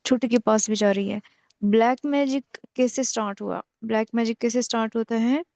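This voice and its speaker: A woman spiritual teacher telling a story slowly and repetitively, with many pauses. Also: a little high, fairly even intonation, gravelly, dark tone, dry recording.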